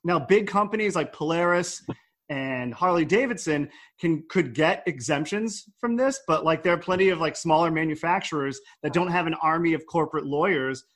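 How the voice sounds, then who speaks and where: Male podcast host, fairly high voice, casual and filler-heavy, reads headlines in between. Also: normal speed, a bit bright. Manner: chatty, many fillers, reads news aloud. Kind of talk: casual motorcycle news chat.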